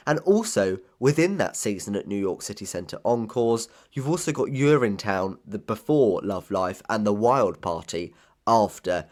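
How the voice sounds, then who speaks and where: A young man with a slight lisp hosting a casual theatre news show, chatty and opinionated with self-deprecating asides. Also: fairly low pitch. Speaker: theatre news podcast host. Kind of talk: casual solo news chat.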